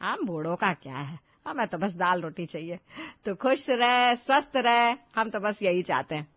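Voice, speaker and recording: A woman's voice: mid-range voice, animated, moderate pace, lightly acted. Woman doing a bossy mother-in-law, scolding, audio drama, kinda muffled sound. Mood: sugary. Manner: scolding, then sugary sweet. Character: sharp-tongued middle-aged mother-in-law, bossy. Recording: slightly dull lo-fi recording.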